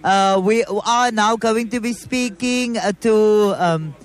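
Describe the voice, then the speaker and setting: A woman's voice: medium pitch, slow pace. A woman with a Cape Town South African accent hosts a live radio outside broadcast in a chatty, conversational way, switching between languages. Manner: switches between English and Afrikaans. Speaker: radio host. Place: outdoor live broadcast at a city square.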